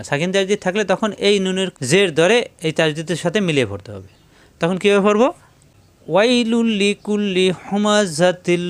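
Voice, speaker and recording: A man teaching Quran reading rules, spelling words out letter by letter and reciting verses slowly, often telling listeners to pay attention. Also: high-pitched, clear, resonant tone, dry recording. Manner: patient, repeatedly tells listeners to pay attention. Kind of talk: tajweed reading lesson.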